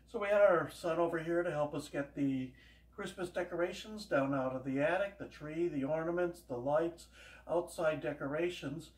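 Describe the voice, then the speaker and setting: A camera across an echoey kitchen picks up an older man, a home cooking vlogger, chatting as he cooks and spinning rambling homespun tales. His voice is a little high and he speaks at a moderate pace, sounding far from the microphone in this casual cooking demonstration.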